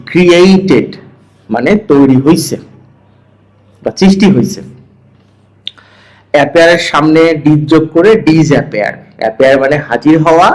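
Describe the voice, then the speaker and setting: A man's voice: fairly high pitch, low-quality recording. Man teaching an English lesson. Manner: reads English phrases and translates each, asking "hmm?" to check. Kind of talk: online lesson, explaining textbook exercise.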